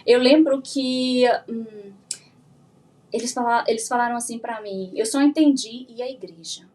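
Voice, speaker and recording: A woman with a Brazilian Portuguese accent, a guest in a casual interview, telling a lively story and acting out what people said. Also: fairly high pitch, unhurried. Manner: animated storyteller who acts out what she and others said. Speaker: guest, firearms instructor.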